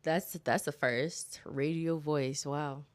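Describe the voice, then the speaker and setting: Woman, low voice, livestream host; earnest, motivational, casual with fillers and swearing. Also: fairly even intonation, slow, clear, resonant tone. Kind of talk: casual self-help commentary.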